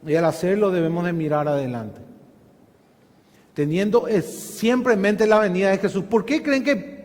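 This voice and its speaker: A man preaches an earnest Bible study sermon in a church hall, where his words trail off into a long reverb. He keeps asking rhetorical questions and addressing the congregation as "hermanos," meaning brothers. His voice is high-pitched and a little mellow, at a normal speed.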